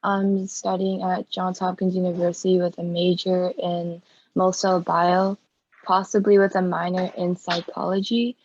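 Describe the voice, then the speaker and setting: Flat-voiced young woman, dull lo-fi call audio. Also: lowish voice, unhurried. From Toronto, Canada. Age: young adult. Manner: rambling, many likes and whatevers. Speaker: university student panelist. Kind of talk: casual panel talk on a video call.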